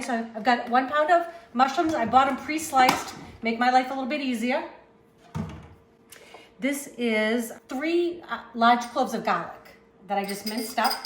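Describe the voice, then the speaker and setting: A woman from the Northeast US, speaking with a Northeastern accent, hosts a cooking channel from her home kitchen. Her voice sits high, and she chats in a casual, upbeat way while she works. The room is echoey, with background noise.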